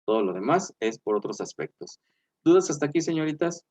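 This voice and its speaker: A male teacher giving an online class in a chatty way, filling pauses with "eh" and "este" and checking in with "¿verdad?". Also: on the high side, very animated, a little mellow.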